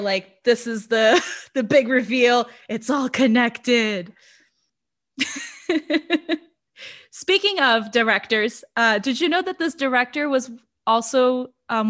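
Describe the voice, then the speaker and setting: Her voice is a little high with a fairly bright tone. She's a podcast co-host from Brazil, a native Portuguese speaker, reviewing a horror film in a relaxed chat full of fillers and laughs.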